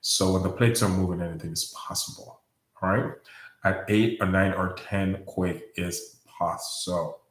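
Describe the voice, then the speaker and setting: A man's voice: low-pitched, steady tone, unhurried, roomy sound, distant mic. A man vlogging earnest, rambling warnings straight to his viewers. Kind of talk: casual spoken warning update.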